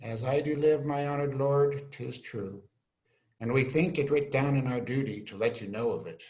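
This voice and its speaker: In this rough video-call recording made indoors, an amateur actor voices an earnest young scholar and faithful friend of a prince. His mid-range, medium-pitched voice is warm and natural, and he handles the Shakespearean lines in a measured, respectful manner, as at a staged reading, sounding earnest and awed.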